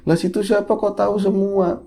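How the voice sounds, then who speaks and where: Brief: man playing a lovestruck young villager, eager and boastful, mellow timbre. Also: high voice, little pitch movement, normal speed, creaky, pitched above the performer's own voice.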